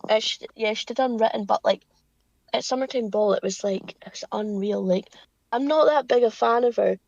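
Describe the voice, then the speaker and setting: A young woman, chatting casually as a podcast co-host, full of "like" and quick asides. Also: a little high, gravelly, darkish tone, dry recording. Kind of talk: casual chat. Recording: dry, dull home podcast audio.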